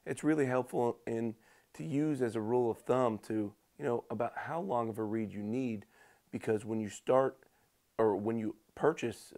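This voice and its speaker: A man talks through practical how-to advice in a casual, conversational manner. His voice sits on the low side with a gravelly creak, and the tone is soft-edged and mellow. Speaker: hunting pro staff instructor. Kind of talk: casual instructional talk.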